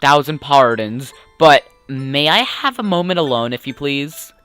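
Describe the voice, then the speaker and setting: A man voicing an old, grieving sailor who is a living bomb, speaking slowly, low and solemn. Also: lively intonation, fairly bright tone, smooth, soft background music. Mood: mournful.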